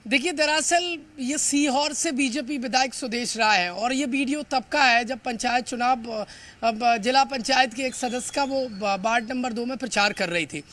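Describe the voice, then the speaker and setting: A man reporting live for the news, emphatic and hurried, often stumbling over words and filling pauses. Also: extremely high pitch, fairly bright tone. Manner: fast, emphatic, with frequent stumbles and fillers. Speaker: field reporter.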